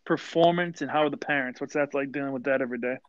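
A man's voice: mid-range voice, fast talker, no room sound. A man hosting a casual podcast interview, asking questions and laughing often. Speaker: podcast host. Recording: dull lo-fi audio, dry.

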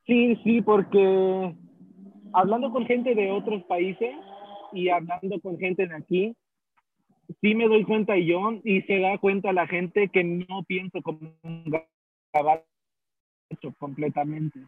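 A man's voice: high voice, fairly even intonation, slow pace, faint music behind. A young man from the United States chatting casually as a guest, rambling with many fillers and restarts. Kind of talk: casual conversation. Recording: tinny phone-like sound, dry.

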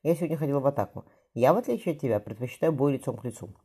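A reader voicing a young soldier-commander who talks languidly and mockingly. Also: female voice, a bass voice, animated, very fast, warm tone, husky, exaggerated voice.

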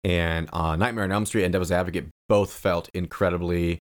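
A man co-hosting a podcast discusses a film casually but earnestly and thoughtfully, drawing out key phrases. His low voice is steady in tone and a little fast.

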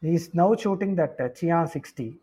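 A man's voice: fairly high pitch, expressive, fairly quick, warm tone, breathy edge. A man with a South Indian Tamil accent explaining his views in casual conversation, switching between English and Tamil.

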